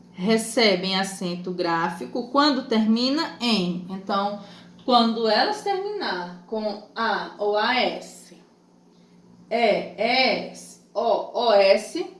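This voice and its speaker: A Brazilian woman teacher giving a lesson to children, talking slowly and patiently, spelling out letters and syllables. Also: on the high side. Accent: Brazilian Portuguese. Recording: echoey room with faint noise.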